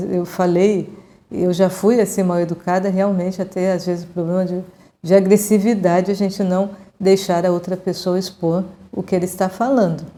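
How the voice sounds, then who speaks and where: A Brazilian woman in her sixties, host of her own channel, giving calm and chatty advice straight to the viewer as a friend. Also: on the low side. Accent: Brazilian Portuguese. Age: 60s. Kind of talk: casual advice talk to camera.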